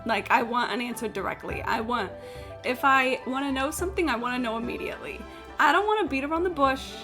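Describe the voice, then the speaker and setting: A woman live streamer with a high voice talks fast while gaming, telling rambling anecdotes in a blunt, sweary, animated way full of filler "like"s. Video game music plays behind her voice.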